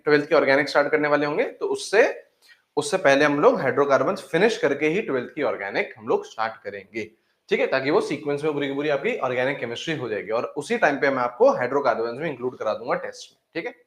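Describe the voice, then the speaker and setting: Chemistry teacher, repeating himself, echoey room. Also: male voice, a little high, a bit bright. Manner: calls students "beta", repeats phrases for emphasis. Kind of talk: online class lecture.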